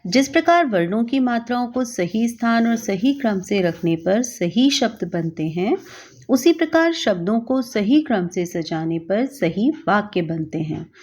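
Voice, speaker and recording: A woman teaching a children's grammar lesson, pronouncing words slowly and deliberately. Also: medium pitch, a little mellow, slightly rough. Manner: slow, deliberate word-by-word pronunciation. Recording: dull lo-fi recording.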